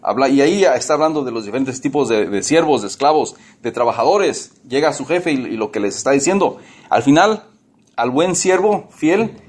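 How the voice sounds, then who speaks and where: A man's voice: mid-range voice, lively intonation, normal speed, darkish tone. A man preaching a casual, conversational sermon, often repeating and restarting his words.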